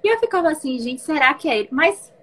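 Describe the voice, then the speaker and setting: A woman's voice: sits high, very animated, fast, a bit bright. A woman with a Brazilian Portuguese accent telling a personal story in casual chat, dramatically acting out the dialogue.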